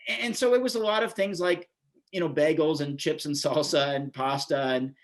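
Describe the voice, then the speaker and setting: He's an American in his forties with a fairly high pitch and a normal speaking speed. A vegan bodybuilder and author, he appears as an interview guest, casually telling stories while rambling and repeating words.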